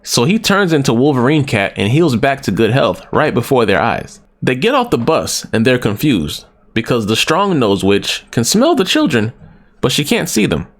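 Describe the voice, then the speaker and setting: A man's voice: medium pitch, big pitch swings, normal speed. A man giving a casual, joking movie review, exclaiming and ranting as he goes.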